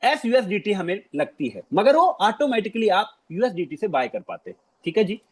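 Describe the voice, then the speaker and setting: A man giving a casual screen-share walkthrough, talking to his audience in an animated way, repeating phrases and mixing in English words. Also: high voice, normal speed, slightly rough, no room sound. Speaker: presenter.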